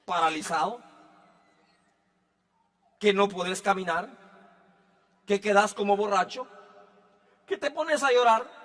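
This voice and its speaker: A man's voice: high voice, a bit bright, big-room sound. A man preaching a sermon as a pastor, talking in a loose, joking way and often asking the listeners whether they follow him. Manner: conversational, joking, keeps asking if he is understood.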